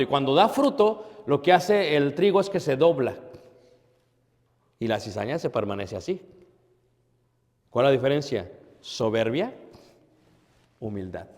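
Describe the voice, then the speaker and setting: A man preaches in a fairly high voice, with a long echo from the church hall around him. He fires rhetorical questions at the congregation and answers them himself. His voice swings from forceful to a near hush. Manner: emphatic, with rhetorical questions and sudden drops to a hush. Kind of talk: sermon.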